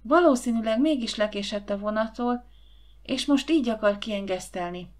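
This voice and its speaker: A woman voicing an excitable, playful teenage girl who whispers eagerly in an audiobook. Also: a little high, natural voice. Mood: excited whispers.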